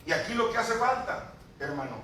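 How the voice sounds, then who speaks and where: Addressing his congregation directly, a Pentecostal pastor preaches with fervor in a very high, very animated voice that is pushed, bright, and fairly quick. The sound is distant and echoey from the church hall, with a little hiss or hum.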